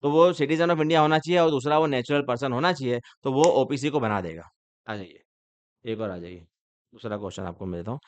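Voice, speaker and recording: Crisp-voiced man lecturing with jokes. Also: mid-range voice, a little fast, dry recording. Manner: teasing, asks the class rhetorical questions. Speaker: company law lecturer. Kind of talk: joking classroom lecture.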